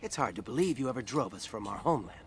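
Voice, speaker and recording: A man's voice: medium pitch, animated, quick pace, slight background noise, natural voice. A man voicing a haughty young elf hunter in a fantasy video game, sneering and contemptuous. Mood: scornful.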